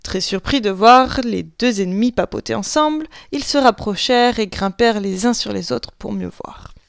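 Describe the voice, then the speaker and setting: A woman reading a children's picture book aloud in a lively, expressive storytelling voice, sometimes dropping to a whisper. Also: medium pitch, moderate pace, vocal fry, no room sound, clean studio sound.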